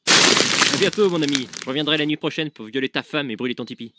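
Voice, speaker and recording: A man's voice: mid-range voice, very fast, heavy background noise. A man acting in a comedy web series, dry and provocative.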